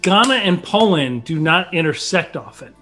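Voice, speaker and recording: A man's voice: high voice, expressive, moderate pace, pushed and bright, faint music behind. A man hosting a podcast interview, joking and cutting in on his guest. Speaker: podcast host.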